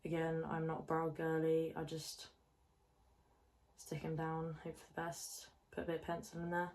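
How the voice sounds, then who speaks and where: A woman's voice: deep voice, completely flat delivery, moderate pace, a little mellow. Chatty woman in her twenties. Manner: chatty, rambling, self-deprecating, lots of fillers. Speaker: fitness vlogger. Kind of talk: casual chatty get-ready-with-me vlog. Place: home, indoors. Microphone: phone camera held close.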